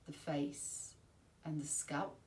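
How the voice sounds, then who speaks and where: Leading a slow relaxation meditation, a yoga nidra teacher speaks in a low, calm, soothing voice. Her instructions are measured and broken by long pauses, picked up by a distant mic in a roomy space with slight background noise.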